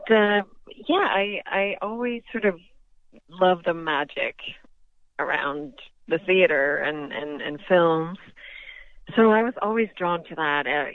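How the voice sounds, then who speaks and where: A woman's voice: low voice, vocal fry, no room sound. A woman from Sweden, answering interview questions as a guest actress in a hesitant way with many ums. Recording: tinny phone line.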